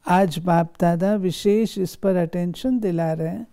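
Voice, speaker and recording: Woman, very mellow dark voice, steady instructive sermon reading, rhetorical questions. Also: lowish voice, measured pace. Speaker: reader of spiritual discourse. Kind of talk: reading a spiritual discourse aloud.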